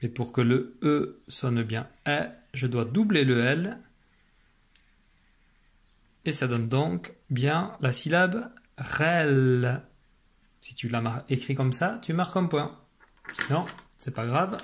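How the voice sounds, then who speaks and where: A male teacher leads a spelling dictation at an unhurried, deliberate pace. He speaks patiently and repeats each syllable. His voice sits at a middle pitch. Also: lively intonation. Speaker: primary school teacher.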